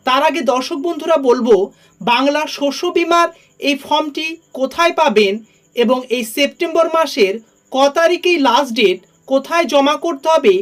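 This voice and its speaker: A woman narrates an informational video in a high voice. She speaks straight to the viewers and explains things step by step. She slips English terms in as she goes. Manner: explanatory, addresses viewers directly, mixes in English. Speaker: channel host.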